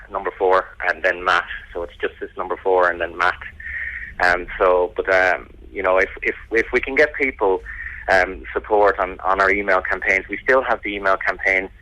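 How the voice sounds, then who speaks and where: An Irish man being interviewed on radio as a family campaigner, speaking in an earnest, determined and halting way. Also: low voice, bright, forceful tone, poor audio.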